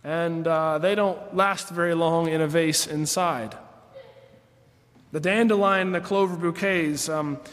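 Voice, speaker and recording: A man's voice: on the high side, fairly even intonation, measured pace, fairly bright tone. A man in his late thirties preaching a sermon as pastor, earnest, reading scripture aloud and lifting his voice on key phrases. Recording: long hall reverb.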